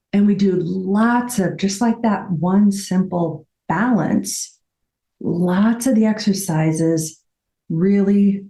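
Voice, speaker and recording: Fast-talking woman in a roomy space. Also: mid-range voice, warm tone. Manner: rapid-fire talker who calls herself an auctioneer; upbeat, laughs often. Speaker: fitness company founder, podcast guest. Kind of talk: conversational interview. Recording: roomy echo.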